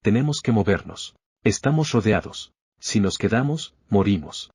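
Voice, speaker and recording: A man voicing a calm, strong young male fighter in a terse, serious manner. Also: fairly low pitch, normal speed, breathy edge, no room sound.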